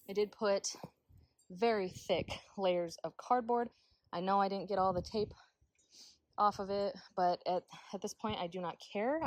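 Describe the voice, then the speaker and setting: A woman's voice: mid-range voice, no room sound. A young woman vlogging in her backyard garden, chatty and rambling as she works, and out of breath. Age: young adult. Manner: chatty, rambling, talks while working. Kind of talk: casual chat while gardening. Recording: faint outdoor noise, windy.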